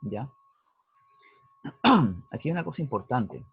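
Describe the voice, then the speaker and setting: A man explains a physics lesson in an unhurried, conversational way and keeps asking his students if they follow. His voice is a little husky. The audio is dry and narrow, like it came through a phone line. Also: mid-range voice, big pitch swings, no room sound. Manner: explanatory, checks in with "¿cierto?" and "¿ya?". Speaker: physics teacher. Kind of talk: recorded lesson walkthrough.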